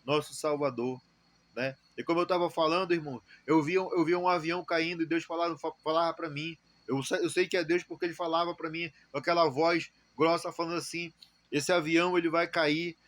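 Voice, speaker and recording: Brazilian man, testimony preacher; stammering, repetitive delivery, raised pitch, dry close mic. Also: steady tone, fairly bright tone, no echo. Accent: Brazilian Portuguese. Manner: halting, many repeated words and fillers; preaching exhortation. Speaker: church member giving testimony. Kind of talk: spoken testimony.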